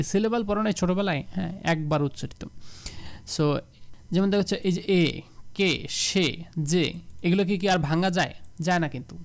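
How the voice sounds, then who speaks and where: A young man from Bangladesh giving a casual exam-prep lesson, explaining rules step by step and repeating examples slowly. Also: on the high side, creaky. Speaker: exam tutor.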